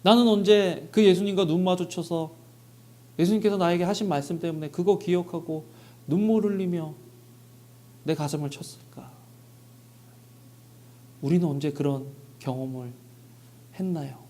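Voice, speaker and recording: Preaching a Sunday sermon in a church sanctuary, a pastor speaks at a normal speed with frequent pauses in a slightly high, warm voice. He puts rhetorical questions to the congregation and acts out short pieces of dialogue.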